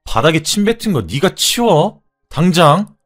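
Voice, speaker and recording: A man voicing a furious, fed-up young wife who shouts and mocks her husband. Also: fairly low pitch, expressive, brisk, soft background music, close to an everyday voice. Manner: shouting, scornful, biting.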